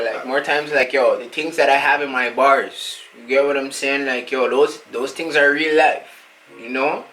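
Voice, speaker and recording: A man's voice: fairly high pitch, pushed and bright, low-quality recording. A man playing a rambling street rapper. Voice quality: slang-heavy rambling with endless filler tags. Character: cocky young male street rapper, rambling, aloof. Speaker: musician being interviewed. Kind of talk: comedy sketch.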